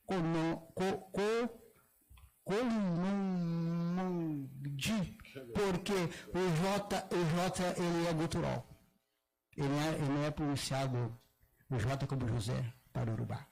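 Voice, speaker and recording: An older man from southern Brazil, a religious elder giving a halting public talk with many restarts and slowly drawn-out demonstration words. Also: on the high side, vocal fry, a little mellow, rough recording. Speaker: Afro-Brazilian religious elder speaking at a gathering. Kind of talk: public talk, explaining pronunciation.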